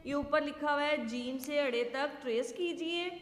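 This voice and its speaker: A woman teacher giving a slow, patient alphabet lesson to young children, asking questions and answering them herself. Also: high voice. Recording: echoey room with long reverb.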